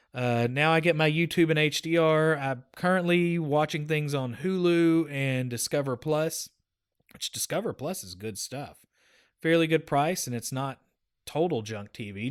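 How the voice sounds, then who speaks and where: A man's voice: fairly high pitch, a bit bright. A man hosting a gaming podcast, talking in a rambling, chatty way with frequent fillers. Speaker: podcast host. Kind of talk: casual chat.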